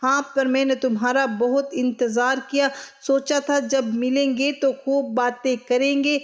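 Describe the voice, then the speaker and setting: A hurt young husband, as a woman narrator voices him in a spoken storybook. He is patient and pleads calmly with his wife. The voice stays high and level, with little rise and fall. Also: lightly acted.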